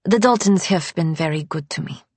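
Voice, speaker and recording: A woman's voice: low-pitched, moderate pace, a little mellow, husky, no room sound. A woman voicing a restrained older housekeeper with an Eastern European accent in an audiobook.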